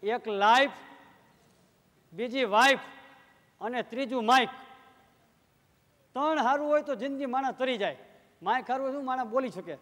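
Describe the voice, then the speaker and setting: High-voiced humorist in a hall. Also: male voice, moderate pace, pauses often. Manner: lively storyteller, acts out quoted dialogue. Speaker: folk humorist on stage. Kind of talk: live dayro storytelling.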